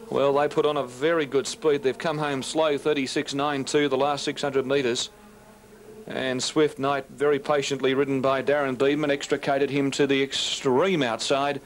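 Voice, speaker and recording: An Australian man calling a horse race, listing the runners in a rapid, rhythmic patter and then reading out the results and payouts. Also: level tone, poor audio. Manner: rapid, rhythmic listing of runners, rising in pitch toward the finish. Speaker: race caller.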